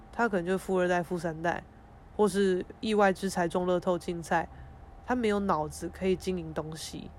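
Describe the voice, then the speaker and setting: A young woman hosts a podcast. She tells stories in a frank, expressive, emotional way and swears casually. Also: lowish voice, a little hiss or hum. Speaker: podcast host. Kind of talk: casual storytelling monologue.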